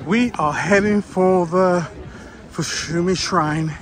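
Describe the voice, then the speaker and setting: A man's voice: sits high, takes it slowly. A man filming a casual travel vlog outdoors, chatty and enthusiastic, out of breath from walking. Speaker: videographer. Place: outdoors at a shrine. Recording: outdoor noise.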